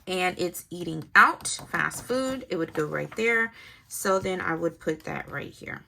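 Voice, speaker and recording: Gravelly, bright-voiced woman vlogging. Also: on the low side, animated, measured pace. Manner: chatty, thinks aloud while writing, mutters numbers to herself. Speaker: planner vlogger. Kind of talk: casual narrated planner setup.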